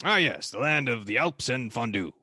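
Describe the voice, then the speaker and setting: A man's voice: mid-range voice, animated, normal speed, bright, forceful tone, slightly rough, no room sound, clean studio sound. A man playing a confidently wrong sports reporter in a mock commentary.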